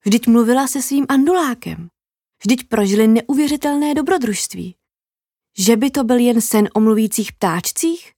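Woman, storyteller, children's fairy tale, expressive, dramatic pauses, fairly high voice. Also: breathy edge, no room sound, studio quality.

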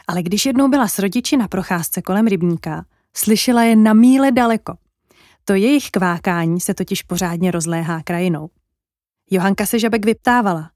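Calm woman reading a bedtime story. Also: medium pitch, dry recording, clean studio sound. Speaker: narrator.

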